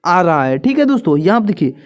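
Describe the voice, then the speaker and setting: A woman's voice: fairly low pitch, big pitch swings, fast talker. A woman teaching a beginner reading lesson, patiently naming each letter and repeating it for her viewers.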